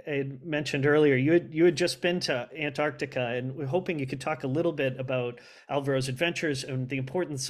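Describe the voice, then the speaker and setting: A man in his thirties moderating a panel over a video call, asking questions hesitantly with many fillers. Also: medium pitch. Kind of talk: casual panel discussion.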